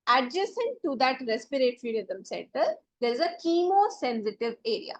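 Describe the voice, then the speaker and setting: A woman's voice: high voice, big pitch swings, a little fast. A woman teacher giving a classroom lecture, explaining step by step and often checking that students follow. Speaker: biology teacher.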